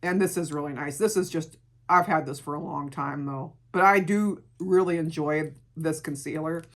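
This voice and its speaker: A middle-aged woman with a gravelly voice, chatting casually through a beauty product review and repeating words for emphasis. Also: low-pitched, normal speed. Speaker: beauty vlogger.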